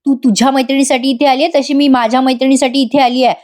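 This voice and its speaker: A woman's voice: sits high, little pitch movement, quick pace, darkish tone, natural voice. A woman voicing a scheming young woman who snaps back defiantly, in a retold serial scene.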